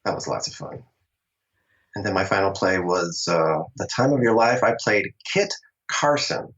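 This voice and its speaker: Talking through his beginnings as an actor in a relaxed interview, this middle-aged Long Island, New York native is talkative and frequently laughs. His low voice is expressive and a little bright, delivered at a normal speed, over muffled, lo-fi audio.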